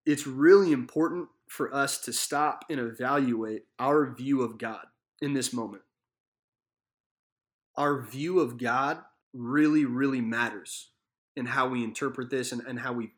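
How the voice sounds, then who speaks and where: A man's voice: medium pitch, a bit bright. A man giving a casual devotional Bible teaching from a living room, telling the story vividly and earnestly, with many fillers and restarts.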